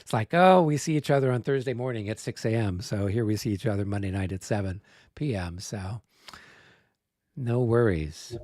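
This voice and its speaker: A man's voice: on the low side, normal speed, a little mellow, no room sound, clean studio sound. A man hosting a livestream of a tabletop wargame, chatting casually and laughing often. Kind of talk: casual chat.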